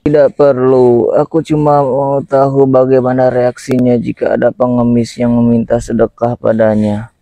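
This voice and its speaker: A man's voice: medium pitch, level tone, normal speed, warm tone, dry recording, lightly acted, low-quality recording. A young man playing a mysterious old beggar grandfather, stern and righteous, speaking in a solemn, declamatory way in a school drama. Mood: calm. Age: young adult. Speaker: student actor.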